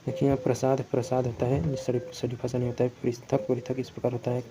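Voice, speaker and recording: A man's voice: mid-range voice, completely flat delivery, fairly quick, noisy background. A man teaching Hindi spelling for exam prep, going word by word and often correcting himself. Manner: self-correcting, repetitive word-by-word explanation.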